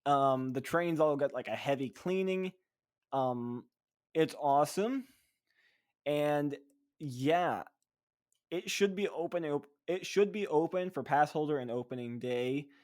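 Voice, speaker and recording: A man's voice: fairly high pitch, unhurried, darkish tone, no room sound, clean studio sound. A man co-hosting a podcast, chatting enthusiastically with frequent fillers. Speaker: podcast co-host. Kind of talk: casual podcast chat.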